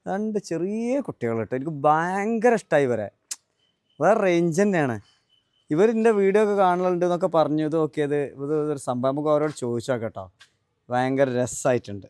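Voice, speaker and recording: A man, hosting a casual vlog outdoors at a roadside stall and gently teasing children with questions. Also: on the high side, expressive, moderate pace, dry recording. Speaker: vlogger host.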